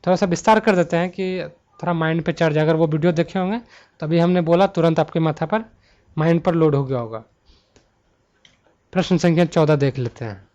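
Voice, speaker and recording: A male grammar tutor with a high voice explains exam questions option by option. He slows down to list letters one at a time. The recording is muffled and lo-fi, made at a home computer mic. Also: a little mellow. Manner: talks students through multiple-choice answers. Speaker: Hindi grammar teacher. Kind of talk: online exam-prep lesson.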